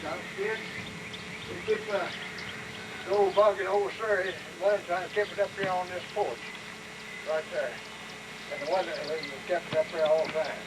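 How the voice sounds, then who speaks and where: An old man, casually reminiscing in a rambling, halting, folksy way on a noisy outdoor recording. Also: high-pitched, steady tone. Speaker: grandfather recalling his childhood home. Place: outdoors at an old log house. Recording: noisy outdoor amateur camcorder sound.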